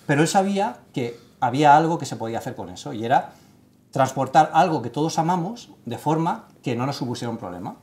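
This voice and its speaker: A man's voice: fairly high pitch, animated, fast, darkish tone. A man in his thirties in a casual studio panel chat, talking emphatically with many fillers and restarts. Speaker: tech site writer leading the segment. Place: studio set with sofa.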